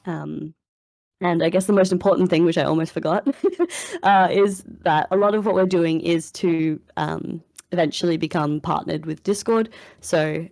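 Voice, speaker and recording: A woman's voice: lowish voice, fairly even intonation, normal speed, gravelly, darkish tone, no room sound, clean studio sound. A woman hosting a casual live voice chat, upbeat and chatty, with fillers and frequent laughs, in her morning voice. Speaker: community manager hosting an AMA. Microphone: voice chat headset or computer mic.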